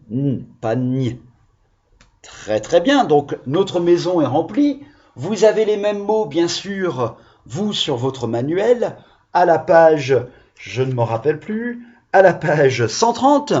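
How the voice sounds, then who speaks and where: A man's voice: a little high, a little mellow, muffled recording. A male primary school teacher giving a video phonics lesson to young children, patiently sounding out syllables.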